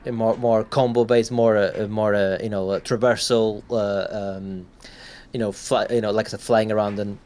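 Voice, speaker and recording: A man's voice: on the low side, steady tone, normal speed, a little mellow. A man co-hosting a gaming podcast, talking in a rambling, casual way and swearing now and then. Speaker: podcast co-host.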